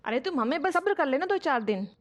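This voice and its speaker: A woman's voice: high voice, big pitch swings, quick pace, noisy background. A woman acting as a housewife who talks coaxingly to her husband. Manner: coaxing, pleading. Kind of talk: sitcom acting.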